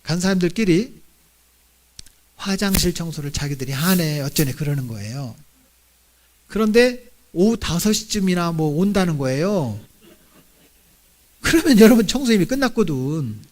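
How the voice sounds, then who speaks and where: A man's voice: high-pitched, big pitch swings, moderate pace, long pauses, darkish tone. A middle-aged male pastor giving a sermon, telling the story with animation, acting out voices and asking the congregation questions. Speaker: senior pastor.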